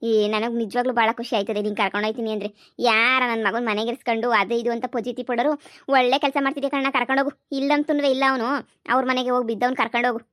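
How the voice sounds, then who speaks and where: A woman's voice: fairly high pitch, steady tone, a bit bright, dry recording, clean studio sound, natural voice. A woman voicing a stubborn, election-obsessed mother in a cartoon comedy, scolding and grumbling. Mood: defiant. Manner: scolding, grumbling, fast and defiant.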